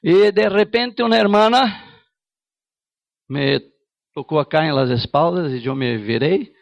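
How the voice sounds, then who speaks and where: Slow, gravelly Brazilian-accented preacher. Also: male voice, fairly high pitch, expressive, no room sound. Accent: Brazilian Portuguese. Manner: earnest, emphatic preaching. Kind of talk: sermon.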